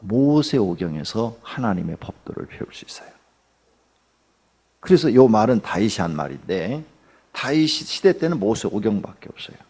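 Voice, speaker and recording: Gravelly, husky male pastor, swooping pitch; chatty dawn sermon with quick questions to the pews. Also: sing-song, darkish tone. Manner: conversational, asks the congregation questions; acts out everyday people in quotes, joking. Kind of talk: early-morning sermon.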